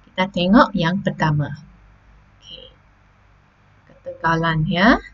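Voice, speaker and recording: A woman's voice: on the low side, lively intonation, takes it slowly, a bit bright, breathy edge, highs cut off. A Malaysian woman teacher taking students through a lesson step by step, often checking in with "okey" and "ha?". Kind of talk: classroom lesson on slides.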